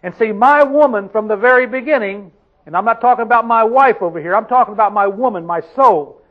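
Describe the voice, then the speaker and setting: A man's voice: high-pitched, brisk. A man preaching a Bible-teaching sermon in a conversational way, often checking with his listeners through questions. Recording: tinny phone-like sound.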